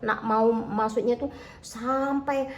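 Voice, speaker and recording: Her voice is on the high side and steady, her pace slow, and the kitchen sounds roomy around her. This Indonesian food seller vlogs from home with a Javanese accent blended with Malay, chatting away and repeatedly addressing viewers with "teman-teman, ya" while speaking of herself in third person.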